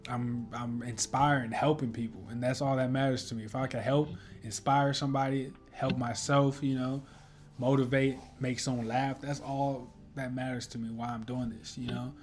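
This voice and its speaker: A hoarse man vlogging in a casual, heartfelt way, rambling and earnest, peppering his talk with "you know" and "bro". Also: mid-range voice, level tone, normal speed, soft background music.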